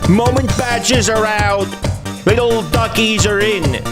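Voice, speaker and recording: A man hosting a livestream on a headset mic, greeting viewers and reading their names in quick lists. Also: sits high. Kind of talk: casual stream chat, reading out viewer names. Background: loud game music.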